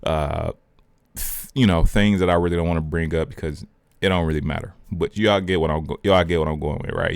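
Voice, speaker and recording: A man's voice: sits low, no echo. A man hosting a casual spiritual talk vlog, rambling, slangy and often cutting himself off to go on side tracks. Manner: rambling, digressive, self-interrupting; slangy and conversational. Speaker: spiritual video host.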